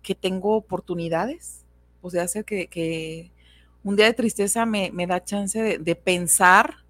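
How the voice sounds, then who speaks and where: A woman's voice: on the low side, a little slow. A young adult woman with a Mexican accent, chatting expressively and openly about her feelings on a radio show. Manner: chatty, expressive, laughs easily. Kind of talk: casual radio chat.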